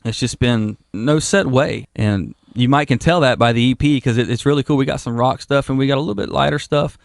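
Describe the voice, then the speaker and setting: A man's voice: mid-range voice, fairly quick, creaky, no room sound. A man, the lead singer of a band, chatting casually as a guest in a radio studio, loose and laid-back. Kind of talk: casual interview chat. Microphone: studio microphone.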